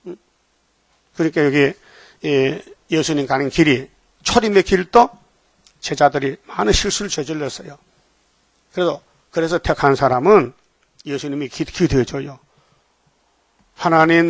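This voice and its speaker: Emphatic Korean-speaking pastor preaching. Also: male voice, on the high side, no echo. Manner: emphatic, repeats key words, fires rhetorical questions at the congregation. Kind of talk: sermon.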